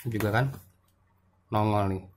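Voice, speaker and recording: Casual man reviewing comics, lowish voice. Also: steady tone, unhurried. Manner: loose, hesitant, many fillers and repeats.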